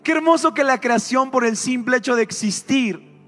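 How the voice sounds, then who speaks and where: A man preaches with a high, lively voice, firing questions at his congregation. Soft music plays faintly behind him. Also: moderate pace, long reverb tail. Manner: animated, asks the congregation questions. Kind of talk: sermon.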